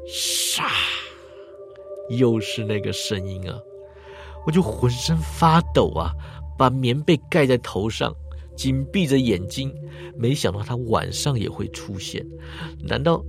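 Man, ghost story narrator, hushed and suspenseful, music underneath. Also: medium pitch. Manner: hushed and suspenseful, trailing particles.

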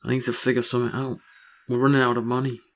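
A man playing a broke farmer husband in an audio story, excitable and rambling, full of grandiose schemes. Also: medium pitch, quick pace, slight background noise, close to an everyday voice. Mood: frustrated, desperate.

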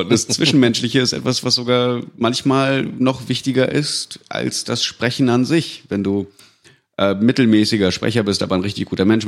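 A man's voice: on the low side, vocal fry. A man, a voice actor guest on a casual podcast, giving advice with frequent hesitations.

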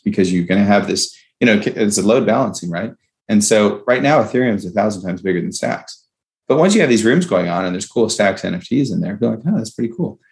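Deep voiced founder guy, lots of vocal fry, explaining stuff in an interview, keeps saying right? okay?. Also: darkish tone. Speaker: startup founder. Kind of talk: conversational interview pitch.

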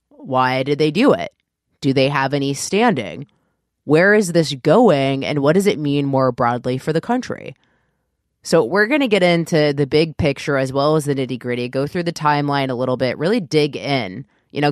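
A woman's voice: extremely low pitch, dry recording, clean studio sound. A woman hosting an interview podcast in an informal, conversational way, sounding sick and nasal with a stuffy nose. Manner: informal, direct address to listeners. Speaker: podcast host.

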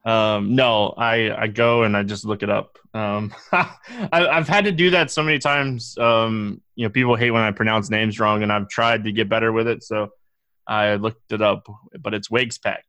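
A man co-hosting a casual sports podcast, his voice bright and forward. He talks in a halting, filler-heavy way and often restarts his sentences. The recording is dry and close, with no room sound. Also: fairly low pitch, smooth, no room sound. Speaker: co-host.

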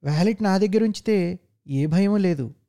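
Slick young hustler guide, pushy and sure of himself, raised mellow pitch, a man putting him on. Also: moderate pace. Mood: breezy, persuasive. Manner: persuasive, breezy and brash. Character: smooth-talking young male con man guide.

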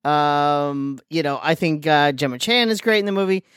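A man's voice: a little high, lively intonation, normal speed, a bit bright, clean tone, no echo, studio quality. A man co-hosting a podcast in casual chat, talking in a chatty, hesitant way with many restarts. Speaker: podcast co-host.

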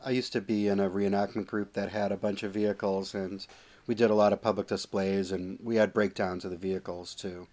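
A man hosting a casual podcast, chatting in a relaxed way and often saying "you know". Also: lowish voice, brisk. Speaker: podcast host.

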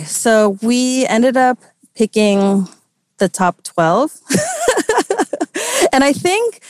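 A woman's voice: medium pitch, dry recording, studio quality. A young American woman journalist answering interview questions in a chatty, casual way, full of filler words and light laughs. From United States. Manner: chatty, lots of "like" and "you know", light laughs. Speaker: journalist guest.

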